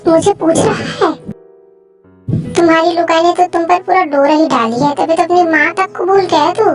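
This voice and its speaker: A woman's voice: very high-pitched, moderate pace, music in the background. Brief: fussy middle-aged mom, complaining and sarcastic, woman voicing, audio drama. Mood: scolding sarcastic. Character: middle-aged mother, fussy, scolding and jealous. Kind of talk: Hindi fan audio drama.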